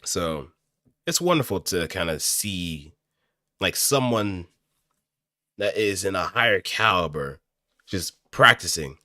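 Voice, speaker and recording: A man with a deep voice talks slowly in a sing-song, pushed and bright manner, leaving long pauses. An aspiring amateur voice actor, he rambles hesitantly to viewers as he thinks out loud. A close studio microphone captures him dry, with no room sound.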